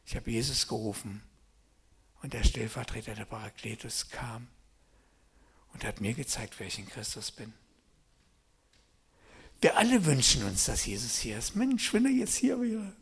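A middle-aged man preaching a sermon. He reads scripture quietly and tells his own stories loudly and with excitement. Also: fairly low pitch, moderate pace, pauses often. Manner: swings from quiet scripture reading to loud excited storytelling.

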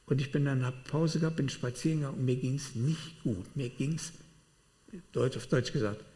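A man preaching a sermon, telling personal testimony in an animated way with sudden swings between loud and quiet. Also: medium pitch, moderate pace. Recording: long hall reverb.

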